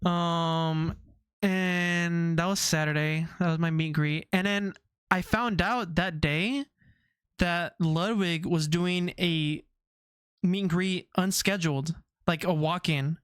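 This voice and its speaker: A man's voice: a little high, steady tone, slow pace, a bit bright, smooth, no room sound, clean studio sound. A young man streaming, chatting casually with his viewers, rambling off on tangents and laughing often.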